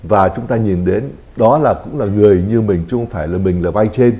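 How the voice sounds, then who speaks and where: Priest, man, rapid explanatory talk, dark mellow tone. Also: on the low side. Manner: explanatory, acts out little quoted dialogues. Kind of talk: pastoral talk show discussion.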